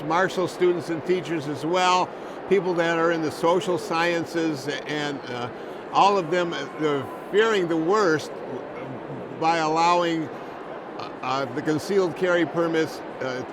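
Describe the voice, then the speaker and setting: A man reporting in an unscripted news discussion, explaining things in a halting, measured way. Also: a little high. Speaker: public broadcasting reporter. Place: noisy capitol building. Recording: noisy hall, loud waterfall-like din.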